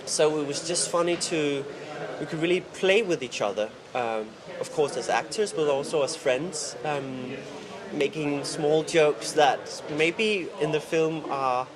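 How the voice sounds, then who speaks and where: A man's voice: a little high, unhurried. Hesitant man, crowd behind. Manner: searching for words, hesitant. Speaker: actor. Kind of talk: interview at a film festival.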